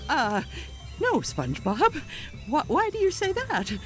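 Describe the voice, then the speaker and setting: A woman's voice: high voice, wildly swooping pitch, unhurried, faint music behind, exaggerated voice. A woman voicing a middle-aged female pufferfish teacher in a cartoon game, nervous, hesitant and polite. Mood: nervous, evasive.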